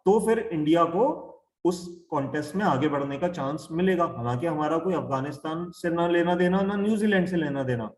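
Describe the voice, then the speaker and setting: Man, teacher, online scripture class, repeats key terms, fairly high voice, echoey room. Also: a little fast, few pauses, a little mellow. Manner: asks and answers his own questions. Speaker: Gita teacher. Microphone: video call.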